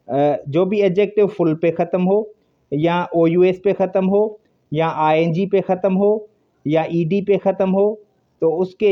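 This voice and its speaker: A man teaching English grammar as a lesson, reading each rule aloud slowly and then explaining it again in simpler words. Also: a little high, dull audio. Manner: explains slowly, reads rules aloud word by word then restates them.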